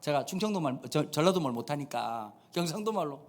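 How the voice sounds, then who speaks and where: A man's voice: on the high side, brisk. A man in his thirties preaching a humorous sermon in a church, telling stories and acting out the dialogue. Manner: animated storytelling, acts out dialogue. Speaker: pastor. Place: church sanctuary.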